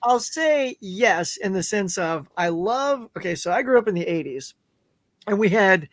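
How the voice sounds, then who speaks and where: Close, dry audio with no room echo captures a middle-aged man with a notably high voice, chatting on a live stream as a guest YouTuber. He's losing his voice, which sounds strained, yet he narrates animatedly at normal speed, voicing other people's lines.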